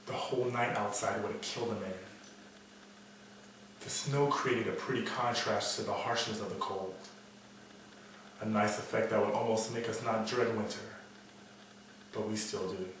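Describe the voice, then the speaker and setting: A hard-boiled, world-weary detective, acted by a man mutters his bleak noir monologue in a lowish voice. He broods like a cynic telling an old story. The recording is very echoey and set back from the mic, with a little noise. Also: steady tone, unhurried, pauses often, fairly bright tone. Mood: weary, brooding. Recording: echoey room, distant mic, faint noise.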